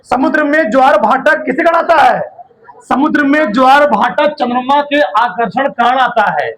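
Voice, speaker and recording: High-voiced man teaching a physics class. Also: normal speed, fairly bright tone, a little hiss or hum, low-quality recording. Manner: quizzes students with rhetorical questions; colloquial, addresses listeners as brother.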